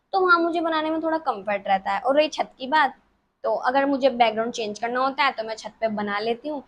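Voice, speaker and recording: A woman of twenty, chatting casually as a vlogger answering follower questions in her bedroom, giggly and self-mocking. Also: sits high. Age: 20s. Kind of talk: casual chat.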